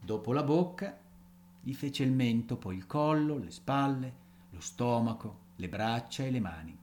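A man reading a classic storybook aloud in an expressive way, with small ad-libs and chuckles. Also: mid-range voice, measured pace, slight background noise. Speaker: audiobook reader.

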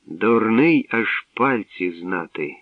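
A man voicing a scornful, wise old bard, speaking slowly with dry mockery. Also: fairly low pitch, expressive, no echo, far from the mic, phone-quality sound. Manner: slow, dry mocking.

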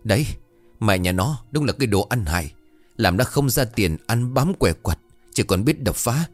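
A man voicing a shrill, abusive middle-aged mother who screams curses at her daughter in rapid tirades. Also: expressive, no room sound, soft background music. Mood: screeching, abusive. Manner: cursing, screeching, rapid tirades.

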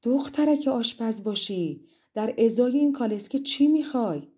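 A woman voicing a haughty, greedy princess in a fairy-tale audiobook, exclaiming loudly and mocking slyly. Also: sits low, lightly acted. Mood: eager.

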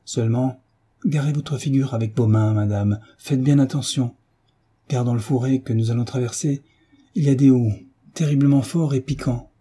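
A man reading the part of a sturdy farmer guiding a lady, steady and respectful. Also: medium pitch, moderate pace, husky, natural voice. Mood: reassuring. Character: sturdy, calm, dutiful male farmer guide.

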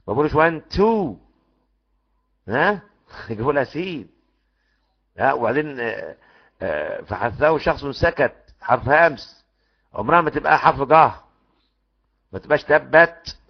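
A man's voice: on the high side, unhurried, vocal fry, long pauses, slightly rough. A man with an Egyptian Arabic accent teaching Quran recitation rules in a lecture, drilling the sounds aloud and asking his students questions. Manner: animated, demonstrates sounds repeatedly, asks the class questions. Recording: muffled lo-fi recording.

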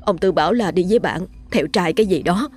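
A panicked village mother stammers her questions in a raised, breathy voice, as a woman storyteller puts her on. Faint music sits under the storybook reading. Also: on the low side, a little fast, a little mellow. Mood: frantic. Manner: anxious, stammering. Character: frantic middle-aged village mother.

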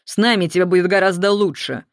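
A reader voicing a brutal male camp guard who shouts orders and mocks the prisoners, in an audiobook. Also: medium pitch, quick pace, dry recording, studio quality, close to an everyday voice. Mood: menacing. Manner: loud, barking orders, mocking.

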